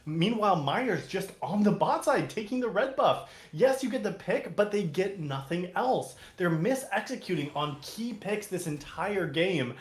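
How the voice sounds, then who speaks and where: A man's voice: sits high, lively intonation, a little slow, few pauses, reverberant. A man giving analytical esports color commentary, critiquing team decisions. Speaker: esports caster.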